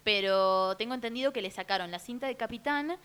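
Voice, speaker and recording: A young woman with a Rioplatense Spanish accent, co-hosting a podcast in casual, playful chat full of quick asides. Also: on the high side, fairly bright tone, clear, resonant tone. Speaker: podcast co-host. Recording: faint hiss.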